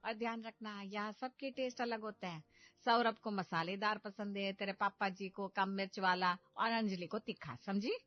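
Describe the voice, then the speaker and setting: A woman voicing a bossy, sharp-tongued middle-aged mother-in-law who scolds loudly and impatiently in a cartoon story. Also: mid-range voice, steady tone, normal speed, dry recording, close to an everyday voice. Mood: instructing. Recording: slightly dull audio with background music.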